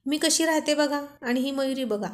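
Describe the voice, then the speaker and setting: A woman's voice: high-pitched, normal speed, lightly acted. A woman voicing a proud young married woman who brags haughtily, in a storybook reading. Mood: boastful. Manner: haughty, bragging.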